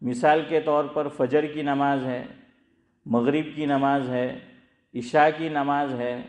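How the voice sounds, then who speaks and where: With a steady, mid-range voice in an echoey room, a man gives a conversational sermon as an Islamic scholar. He repeats his central points and asks his listeners questions along the way.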